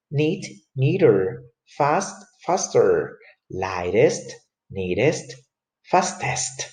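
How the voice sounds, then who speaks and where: A male English teacher with a mellow, warm voice walks students through grammar rules. He is animated and repeats each word, spelling it out and slowing down for the examples. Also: mid-range voice. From Colombia.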